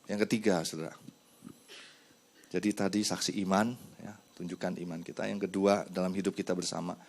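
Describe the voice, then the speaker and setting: A man's voice: deep voice, a little fast, creaky. A middle-aged man preaching a sermon and acting out little dialogues. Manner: animated, acts out dialogues with God and children. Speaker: pastor.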